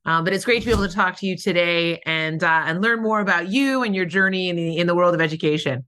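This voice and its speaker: A woman's voice: on the low side, fast talker, fairly bright tone, clean tone. A woman hosting a podcast interview, asking long, encouraging questions with fillers.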